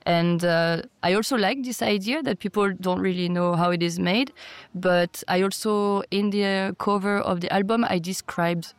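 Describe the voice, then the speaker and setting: A woman, an electronic music producer answering interview questions in a thoughtful, hesitant way with many pauses. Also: mid-range voice, steady tone, clean tone, dry recording. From France.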